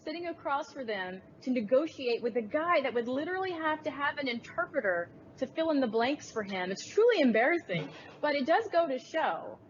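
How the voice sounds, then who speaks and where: A woman with a somewhat high voice speaks dismissively as a guest on a political talk show. The sound is dull and lo-fi, with faint noise behind it. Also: sing-song, a little fast. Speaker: panel guest.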